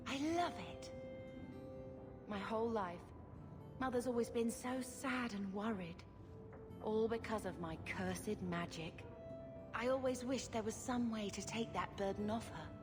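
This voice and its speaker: An actress playing a gentle, earnest young mage, a devoted younger sister, in a video game. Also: female voice, fairly high pitch, unhurried, pauses often, natural voice. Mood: tender. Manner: earnest, wistful. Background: game music.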